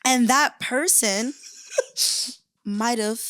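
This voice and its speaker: A woman's voice: a little high, very slow, a bit bright, no room sound. A young woman co-hosting a casual podcast chat, telling stories with lots of swearing and emphasis. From New Jersey. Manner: profane, storytelling, emphatic. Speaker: podcast co-host.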